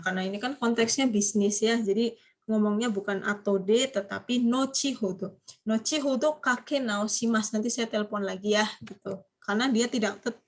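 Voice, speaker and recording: A woman from Indonesia teaching a business Japanese class over a video call, explaining patiently and quizzing her students. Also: mid-range voice. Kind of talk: online class lecture.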